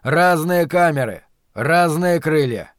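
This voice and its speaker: A man's voice: fairly high pitch, animated, slow, dry recording, studio quality. A man voicing a curt young cop. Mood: stern. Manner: curt, clipped orders. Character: stern young male police officer.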